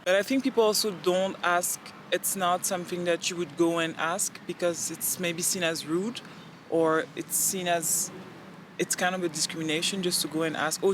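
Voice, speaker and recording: A woman with a lowish voice is heard over background noise. She's a young interview guest from the Central African Republic, natively French-speaking with a French accent, who talks earnestly and with animation in a casual chat, acting out lines of dialogue.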